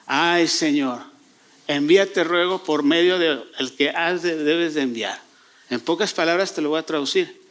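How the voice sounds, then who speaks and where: A man's voice: on the high side, unhurried, a bit bright. A male pastor from Mexico preaching a sermon in church, reading scripture aloud and asking the congregation questions before answering them himself. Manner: reads scripture aloud and paraphrases it.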